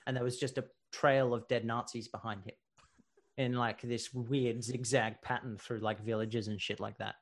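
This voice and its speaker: A man co-hosting a podcast, telling a war story in casual chat, animated and laughing often, with casual swearing. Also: medium pitch, moderate pace. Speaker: podcast co-host telling history stories.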